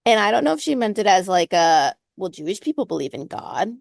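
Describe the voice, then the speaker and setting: A woman's voice: medium pitch, big pitch swings, fairly quick, creaky, dry recording, clean studio sound. A young woman in her early twenties, a podcast guest, casually telling a story with amusement and mimicking others. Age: young adult. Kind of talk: casual chat.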